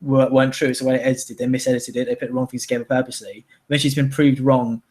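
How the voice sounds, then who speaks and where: Fast-talking young man. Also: medium pitch, flat delivery, a little mellow. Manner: chatty, opinionated, full of fillers. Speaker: live stream host. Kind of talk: casual chat.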